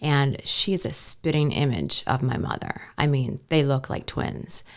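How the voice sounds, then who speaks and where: A woman's voice: a bass voice, a little slow. A woman in her forties from Pittsburgh, a podcast guest chatting easily and telling her story. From Pittsburgh, USA. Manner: easygoing, laughs often, storytelling. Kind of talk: casual interview chat.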